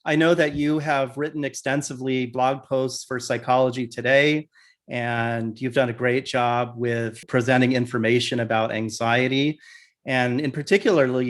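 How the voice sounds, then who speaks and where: Upbeat guy hosting a podcast interview, regular mid voice, asks lots of questions. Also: mid-range voice. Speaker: podcast host and clinician.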